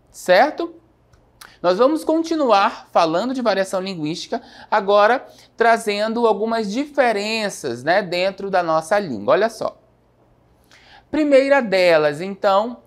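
A woman teacher giving a televised school lesson, explaining step by step and often checking in with the students. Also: mid-range voice. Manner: explanatory, frequent checking tags like "né?" and "tá?".

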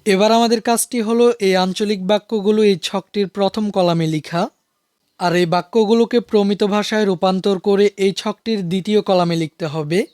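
A male teacher calmly and steadily explaining a school textbook lesson to students. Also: high-pitched, moderate pace, smooth, no echo, clean studio sound.

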